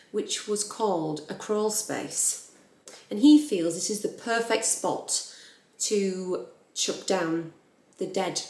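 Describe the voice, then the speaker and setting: A woman telling a true crime story in a blunt, animated, casual way, swearing freely. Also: mid-range voice. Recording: roomy echo.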